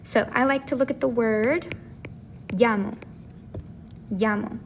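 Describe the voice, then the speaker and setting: A woman teaching a casual video lesson, who explains slowly and repeats each sound. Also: high voice, fairly even intonation, a little hiss or hum. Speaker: Spanish teacher.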